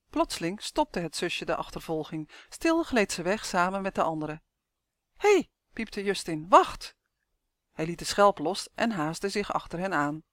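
Audiobook narrator reading a kids' story, expressive, mid pitch, dry close sound. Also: dry recording. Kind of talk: scripted narration of a children's story.

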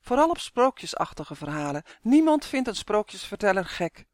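A reader voicing a kind, wise old woman in an audiobook, speaking gently and reassuringly. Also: medium pitch, very animated, moderate pace, no room sound, clean studio sound, natural voice. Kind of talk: audiobook character voice.

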